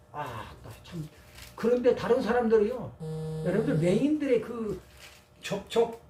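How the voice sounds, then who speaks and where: A middle-aged or older man with a high-sitting, slightly mellow voice preaches at a church service. A pastor and former seminary professor, he is emphatic and folksy, sharing personal anecdotes. The recording is echoey, with a distant mic and faint noise.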